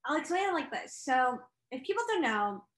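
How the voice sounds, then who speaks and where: A young woman of Chinese heritage co-hosts a casual chat, talking freely with lots of laughs and fillers. Her voice sits high and fairly bright, with big pitch swings at a moderate pace. The room is echoey.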